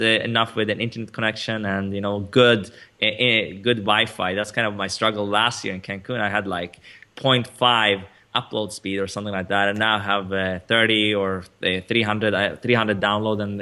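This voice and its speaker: A man's voice: fairly low pitch, creaky, bright, forceful tone. A man in his thirties from Sweden, a guest on a video call interview, talking casually with lots of fillers and restarts. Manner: chatty, many fillers and restarts, laughs often.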